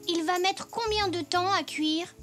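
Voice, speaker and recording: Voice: very high voice, a little slow, pushed and bright, exaggerated voice. A performer playing Zou, an eager and helpful young zebra boy in a French children's cartoon, with a French accent. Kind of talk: animated children's cartoon dub. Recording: clear music behind the voice.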